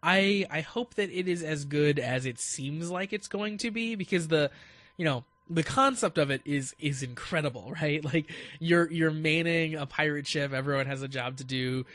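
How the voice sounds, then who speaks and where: A man with a slightly higher voice, recorded dry and close, hosts a casual podcast chat. He is eager and laughs often, stammering and repeating words as he works through his point. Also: normal speed, fairly bright tone, dry recording. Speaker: podcast host.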